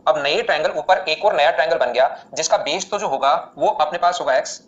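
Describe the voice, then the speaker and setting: A man teaching maths in a live online class, explaining steps rapidly and repeatedly asking students questions. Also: fairly high pitch, dull audio.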